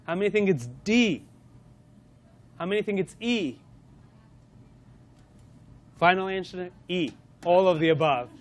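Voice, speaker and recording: A man with a voice that sits high presents a corporate lunch-and-learn to a live audience. He runs a playful quiz, his speech full of fillers and restarts.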